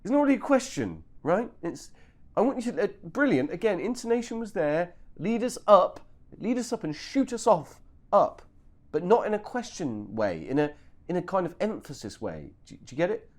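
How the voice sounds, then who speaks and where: A man's voice: high voice, very animated, moderate pace, darkish tone. A man playing a fussy, um-filled casting director. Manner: hesitant, full of ums, fussy notes.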